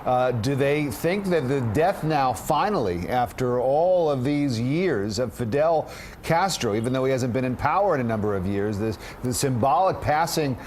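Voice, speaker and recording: Male anchor, measured and a bit halting, mid pitch, faint hum behind. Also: a little mellow. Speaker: news anchor. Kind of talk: studio question to reporter.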